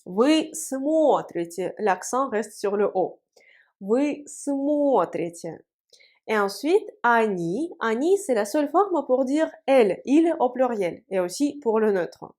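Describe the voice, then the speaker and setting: A woman language teacher giving a video lesson, explaining carefully and repeating each word slowly for practice while writing on a board. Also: on the high side, animated, darkish tone.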